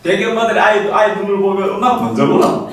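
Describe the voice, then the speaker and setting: Male parenting lecturer, animated and higher-pitched, heard from far off in a very echoey hall. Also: fast talker, slight background noise. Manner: lively, acts out quoted parents and children; laughing often with the audience.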